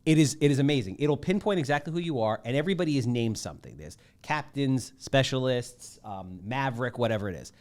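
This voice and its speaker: Animated man hosting a casual podcast. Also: medium pitch, fast talker, few pauses. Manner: animated, emphatic, jokey. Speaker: podcast host.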